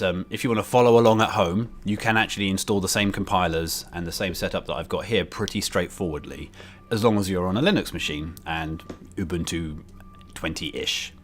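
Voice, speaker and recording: Low-voiced British man live coding. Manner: halting, thinking aloud. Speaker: programmer live-streaming. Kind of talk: casual live coding commentary. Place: indoors by a window. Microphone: desk microphone, bidirectional. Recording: keyboard and street noise behind.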